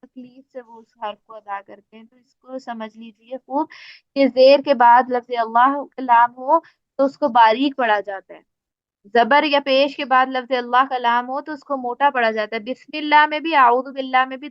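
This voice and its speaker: A woman with a Pakistani Urdu accent, teaching Quran tajweed in a casual spoken lesson, explaining patiently and reciting examples slowly. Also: high voice, steady tone, clear, resonant tone, no echo. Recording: dry, slightly muffled recording.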